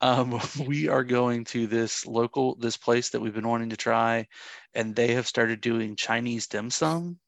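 A man's voice: medium pitch, a little slow, creaky, no room sound. A man from Florida co-hosting a podcast, chatting in an easygoing, rambling way. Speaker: podcast co-host. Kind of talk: casual chat.

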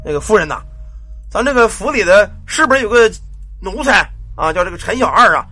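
A man's voice: high-pitched, expressive, brisk, sharp tone, faint music behind, full character voice. A man voicing a frightened old squire who stammers and trembles as he talks. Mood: anxious.

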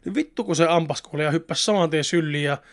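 A man in casual conversation, talking in a rambling, chatty way with many fillers. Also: a little high. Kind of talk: casual chat.

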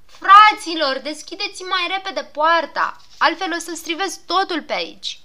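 A woman voicing a brash little male gnome who yelps and complains loudly in a storybook reading. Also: sing-song, full character voice. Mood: shouting. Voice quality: shrill, yelping. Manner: loud and complaining.

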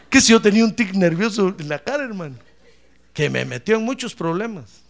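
Man, pastor, fiery sermon, high lively voice. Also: brisk, vocal fry. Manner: fiery preaching, shouting praise; addresses listeners as brother.

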